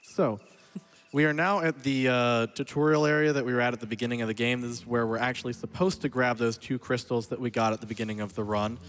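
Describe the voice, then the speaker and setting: A man's voice: mid-range voice, fairly even intonation, quick pace, fairly bright tone. A man commentates live on his own video game speedrun. He is chatty and casual, explaining things as he plays and slipping in playful asides. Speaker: speedrunner narrating own run.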